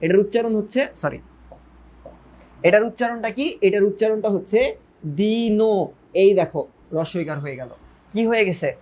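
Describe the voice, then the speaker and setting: In an online lecture, a Bengali grammar tutor with a high-sitting, slightly mellow voice talks at normal speed, leaving long pauses. He repeats phrases, quizzes his students with questions, and mixes English words into his explanations.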